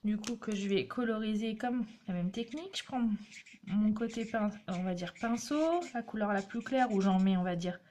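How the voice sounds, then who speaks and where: A woman's voice: medium pitch, moderate pace, mellow, slight background noise. A woman hosting a craft tutorial, chatting and encouraging viewers as she demonstrates step by step. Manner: chatty, encouraging, talks while working.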